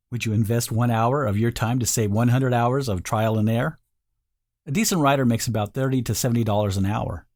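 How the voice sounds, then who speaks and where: A man with a medium-pitched, slightly mellow voice narrates a scripted sales voice-over. He addresses the listener directly as "you," speaking in a persuasive way.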